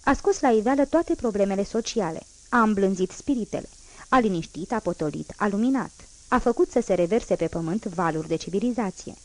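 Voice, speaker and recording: A woman's voice: medium pitch, lively intonation, darkish tone, close to an everyday voice. A woman voicing a fierce, unyielding old male revolutionary in an audiobook, speaking in firm, emphatic declarations.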